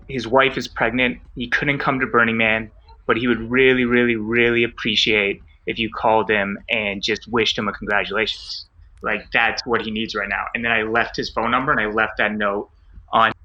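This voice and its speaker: A man's voice: mid-range voice, bright, forceful tone, muffled recording. A man telling a long personal story at an online open mic night, loose and rambling with lots of fillers. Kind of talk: casual storytelling. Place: home, online video call.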